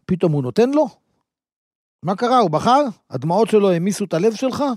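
Male preacher, storytelling, quite high voice, dry close sound. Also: expressive, a little mellow, no room sound. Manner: storytelling, rhetorical questions, checks in with "right?". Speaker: rabbi or preacher. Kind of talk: sermon addressed to listeners.

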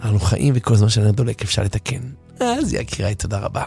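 Hoarse, lively male radio preacher. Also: fairly low pitch, faint music behind. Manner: animated, impassioned, acts out stories. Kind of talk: late-night radio sermon. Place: radio studio.

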